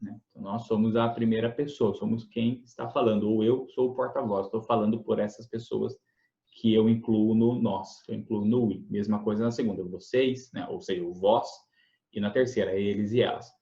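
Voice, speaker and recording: A man's voice: fairly low pitch, steady tone, moderate pace, mellow, echoey room, lo-fi sound. A man teaching a grammar lesson in a conversational way, with many fillers and restarts, often checking whether the listener has understood. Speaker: English teacher. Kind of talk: explanatory lesson.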